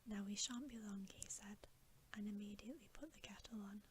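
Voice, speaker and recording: Close to the microphone, a woman whispers a bedtime story as ASMR, soft, breathy, and unhurried. Her voice is mid-range, with a little hiss or hum in the background.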